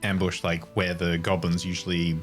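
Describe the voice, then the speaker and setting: A man's voice: deep voice, monotone, normal speed. A man chatting casually as a player in a tabletop role-playing game, describing what he will do. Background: music.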